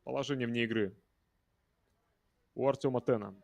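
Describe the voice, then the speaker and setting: A man's voice: medium pitch, steady tone, moderate pace, gravelly, a little mellow. A man giving live football commentary in a conversational way, talking directly to viewers and players.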